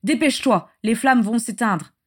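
A woman's voice: on the high side, moderate pace, slightly rough, pitched above the performer's own voice. A woman reading a story aloud, voicing a middle-aged wizard father who urgently calls his son to hurry.

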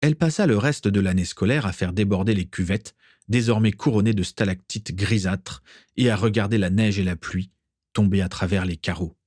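A man narrating a story in an expressive, dramatic reading style. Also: lowish voice, no room sound, clean studio sound. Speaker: audiobook narrator.

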